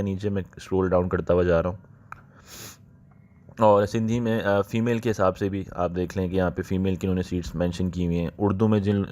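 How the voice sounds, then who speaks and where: A man, talking viewers through job openings in a casual, unhurried way, often slipping into English phrases and pausing to think. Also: sits low, a little mellow. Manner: unhurried, thinking aloud with many "uh" pauses. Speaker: channel host explaining job openings. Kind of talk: casual explanatory walkthrough.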